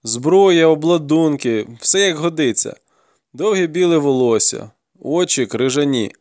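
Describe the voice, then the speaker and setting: A man voicing a hardened, grim male warrior who questions a captive in a gruff, mocking way. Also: fairly high pitch, animated, unhurried, a little mellow, no room sound, studio quality.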